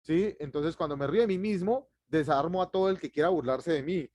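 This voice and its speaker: A man, giving an online public speaking class, who talks fast and lively and chuckles at himself. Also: a little high, dry recording.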